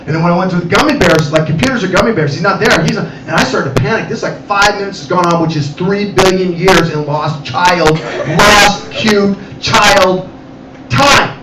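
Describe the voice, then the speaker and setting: High-voiced man telling stand-up stories. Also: moderate pace. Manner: animated, acts out characters. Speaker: comedian. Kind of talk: stand-up comedy storytelling. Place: cafe. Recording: echoey cafe room, distant mic, loud noise.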